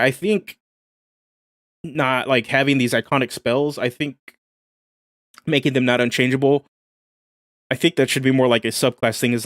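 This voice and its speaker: A man's voice: mid-range voice, fairly bright tone, no room sound, studio quality. A man hosting a livestream, talking casually and eagerly about rules for a tabletop game while reading chat aloud. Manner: enthusiastic, casual slang, reads chat aloud. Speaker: livestream host.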